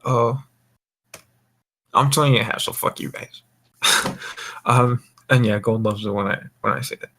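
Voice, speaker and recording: With a medium-pitched, steady, sharp voice at normal speed, this young man leaves long pauses while hosting a casual group call. He's from the American Mountain Time zone, tipsy, swearing, rambling and stumbling, and there's a little hiss or hum in the audio.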